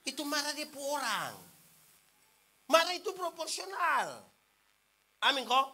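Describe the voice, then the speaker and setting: High, bright-voiced Ambonese preacher man. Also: very animated, measured pace. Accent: Ambonese Malay. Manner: shouting questions to the crowd, joking. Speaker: pastor. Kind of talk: lively sermon to a congregation.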